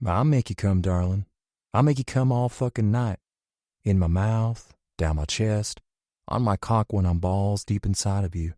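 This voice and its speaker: A man voicing a deep, cocky rock star. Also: a little slow, mellow, dry recording, studio quality, natural voice. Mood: flirtatious. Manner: swaggering, crude and flirtatious. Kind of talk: audiobook dialogue.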